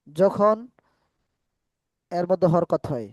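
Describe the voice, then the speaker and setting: In a muffled recording with no echo, a man with a high-sitting, expressive, darkish voice leads an online Quran class. He patiently explains letter sounds and vowel marks step by step and occasionally chants phrases in slow, drawn-out recitation.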